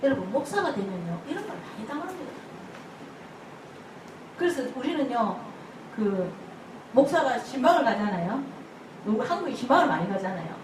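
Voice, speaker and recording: An older woman pastor, preaching an animated sermon full of stories, acting out church members' voices and laughing often. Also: on the high side, normal speed, pauses often. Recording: echoey hall from far off, noisy ambience.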